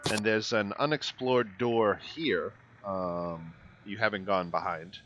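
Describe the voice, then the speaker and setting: A man narrating a tabletop game as game master, halting and pausing often. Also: on the low side, a bit bright. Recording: slightly muffled, faint room noise.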